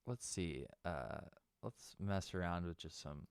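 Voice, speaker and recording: A man's voice: sits low, lively intonation, takes it slowly, very noisy. A young man, a music producer, talks through a synth tutorial in a loose, conversational way with plenty of fillers. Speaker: music producer teaching synth sound design. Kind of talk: casual software tutorial.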